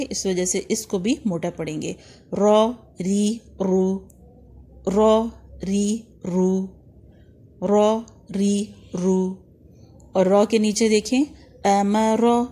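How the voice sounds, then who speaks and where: A woman teaching pronunciation step by step, explaining each sound and drawing out practice syllables slowly. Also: mid-range voice, warm tone. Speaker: Quran recitation teacher.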